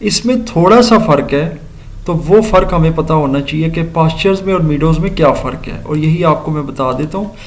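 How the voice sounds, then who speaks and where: A man gives a classroom English grammar lecture. His voice sits a little high. He explains patiently, repeats points and drops English phrases into his explanation. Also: a little hiss or hum. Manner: explains slowly, repeating and checking understanding; mixes English words and sentences into Urdu explanation.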